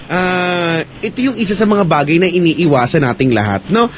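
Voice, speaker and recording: A man's voice: fairly high pitch, moderate pace, slight background noise. A man hosting a radio call-in show, chatting casually and teasing the caller playfully. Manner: teasing, playful, bursts into crooning. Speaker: radio host. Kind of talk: late-night radio call-in chat.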